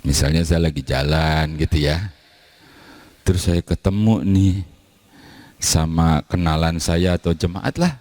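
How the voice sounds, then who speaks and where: A male pastor preaches in a loose, joking, storytelling way. His voice sits very low. The sound is dry and close. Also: measured pace, pauses often, darkish tone, no room sound. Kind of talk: sermon and closing prayer.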